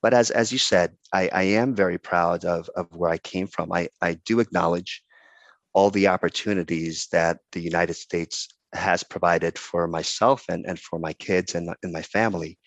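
A middle-aged man from the Dominican Republic, a guest in a casual interview, talking earnestly and haltingly with many pauses and restarts. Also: low-pitched, steady tone, no echo.

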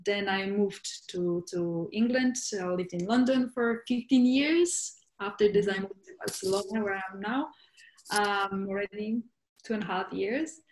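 A woman's voice: medium pitch, a little slow. A woman from Poland, a guest in a casual interview, talking in a searching way with many fillers and restarts. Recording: echoey room.

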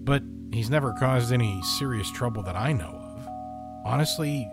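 An actor playing a relaxed, easygoing friend in an audio drama. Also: male voice, mid-range voice, moderate pace, music in the background, lightly acted.

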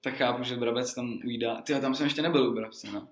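A man chats casually as a podcast guest. He rambles through his stories, laughs easily and leans on fillers. His pitch sits in the middle of the male range. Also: fairly even intonation, crowd noise. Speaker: guest rapper. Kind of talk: casual storytelling.

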